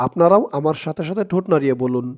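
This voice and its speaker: A man with a Bangladeshi Bengali accent teaching Quran reading, chanting verses slowly and then breaking the words into syllables. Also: on the high side, animated, a little mellow. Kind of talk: slow step-by-step recitation lesson.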